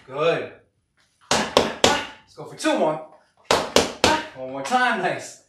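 A middle-aged man with a fairly high voice leads a boxing class while hitting a punching bag. He calls short, punchy, encouraging cues. He is far from the microphone in an echoey space with very loud noise. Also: big pitch swings, extremely slow. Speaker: boxing fitness coach. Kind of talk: live workout instruction. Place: garage gym, indoors, camera several metres away. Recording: echoey noisy garage, far from mic.

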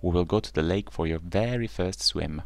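A man's voice: sits low, moderate pace, gravelly, no echo. A man voicing a caring but stern mother duck in a storybook reading, speaking in a raised, scolding tone.

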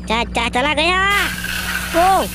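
A man's voice: very high voice, expressive, drawn-out words, full character voice. A man voicing a boastful, bossy young man who brags and orders others around, as gaming commentary in character. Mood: impatient. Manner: bragging, impatient, bossing others around. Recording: noisy background.

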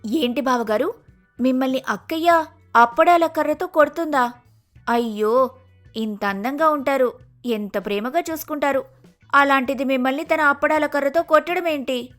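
A gushing young girl in falsetto. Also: moderate pace, long pauses, sharp tone, faint music behind. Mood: flustered. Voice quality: shrill falsetto. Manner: gushing, pushy.

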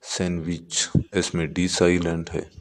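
A male teacher with a Pakistani accent works through a textbook exercise. His voice sits very low. He speaks at a very slow, deliberate pace, and the room rings with a long reverb. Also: completely flat delivery, a little hiss or hum. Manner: reads English words slowly, then explains them in Urdu-flavoured Hindi. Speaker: English teacher.

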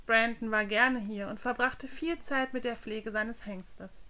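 A woman author reading her fairy-tale novella aloud with clear, even storytelling. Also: fairly high pitch, unhurried.

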